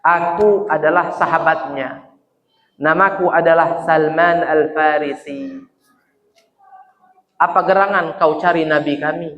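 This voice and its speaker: A preacher playing a friendly guiding companion. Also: male voice, a little high, fairly even intonation, a little slow, pauses often, fairly bright tone, muffled recording. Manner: friendly and obliging. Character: helpful male companion guiding a stranger. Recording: echoey mosque hall reverb.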